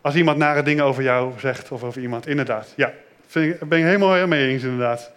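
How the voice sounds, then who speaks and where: A man giving a children's sermon in a simple, gentle way, asking the children questions and repeating their answers. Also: mid-range voice, fast talker, clear, resonant tone. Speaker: children's pastor.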